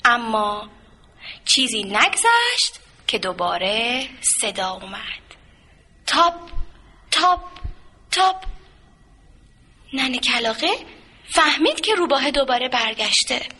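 A woman narrating a children's folk tale in a gentle, expressive, sing-song way. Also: fairly high pitch, breathy edge. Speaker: storyteller.

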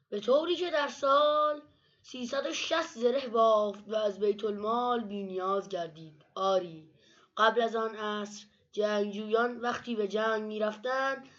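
A woman narrating religious stories from a book in a measured, steady storytelling manner. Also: fairly high pitch. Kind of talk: read-aloud book narration. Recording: dull lo-fi recording.

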